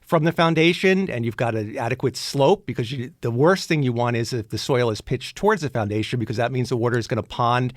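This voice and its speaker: A man's voice: medium pitch, fairly quick, hardly any pauses, no echo. A man co-hosting a radio show, giving practical home maintenance advice in a casual way, often restarting his sentences. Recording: dry studio sound.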